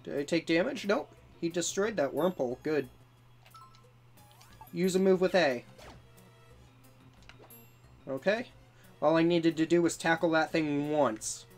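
Over faint video game music, a gamer with a mid-range voice chats casually through a let's play, speaking a little slowly with long pauses. They read snippets of on-screen text aloud and toss in amused side comments.

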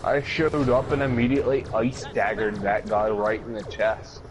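A man's voice: lowish voice, background noise. A man casually chatting and joking while playing a video game on stream. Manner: relaxed, jokey, drawn-out muttering. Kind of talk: casual gameplay chat.

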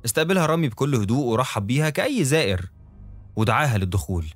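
A man with an Egyptian accent narrating a scripted horror story in a steady, dramatic way. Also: mid-range voice, racing. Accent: Egyptian Arabic. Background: soft background music.

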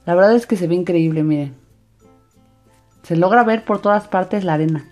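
Sing-song woman, soft mellow tone, music behind. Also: fairly low pitch, moderate pace. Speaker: host of a slime craft channel. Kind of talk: hands-on craft narration for children. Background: background music.

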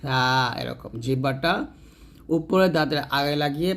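Male Quran tutor, slightly high voice, patient step-by-step delivery, repeats each sound. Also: a little mellow. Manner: slow, patient instruction, repeating each letter sound several times; asks questions and answers them himself. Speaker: Quran teacher. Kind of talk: step-by-step pronunciation lesson.

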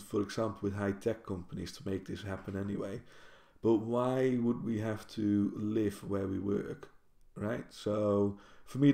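In a casual vlog shot in his kitchen at home, a university librarian from the Netherlands, a native Dutch speaker, chats to camera, rambling, fixing his words and restarting frequently. His voice is low, creaky and warm, captured by a built-in camera mic at desk distance amid roomy kitchen echo.

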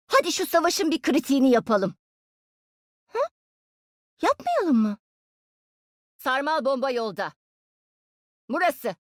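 A woman's voice: a little high, no echo, studio quality. A woman voicing a cheeky, smug young female inventor and genius in dubbed game voice lines, teasing her teammates playfully. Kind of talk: Turkish game dub voice lines.

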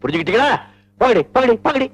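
An actor playing a bookish, teasing husband in a Tamil film who talks theatrically and swings into mock anger. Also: male voice, high voice, sing-song, brisk, creaky, exaggerated voice. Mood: blustering. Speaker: male lead. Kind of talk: 1980s Tamil film acting.

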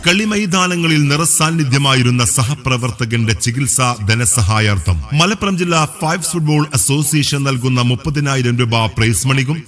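A man's voice: mid-range voice, lively intonation, moderate pace, hardly any pauses, fairly bright tone. A man delivers a scripted promotional announcement for a sports event in a grand, rousing, declamatory style. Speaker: announcer for a local football tournament. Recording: long hall reverb over music bed.

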